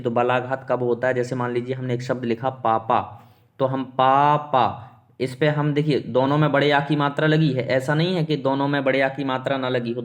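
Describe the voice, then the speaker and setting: A man teaching an exam-prep lesson, explaining step by step with rhetorical questions and calling his students "beta". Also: mid-range voice.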